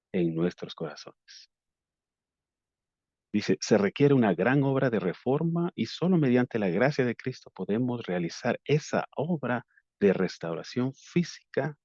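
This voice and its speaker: A lay preacher with an Ecuadorian Spanish accent delivers an earnest devotional sermon with prayer and scripture reading, repeating phrases for emphasis. His voice is low-ish and mellow, heard through roomy, dull lo-fi online call audio.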